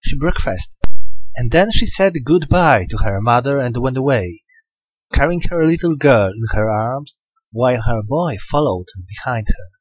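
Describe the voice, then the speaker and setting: A man narrating a dark folktale audiobook with an expressive reading and a few small slips. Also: medium pitch, no room sound. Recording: dull lo-fi recording.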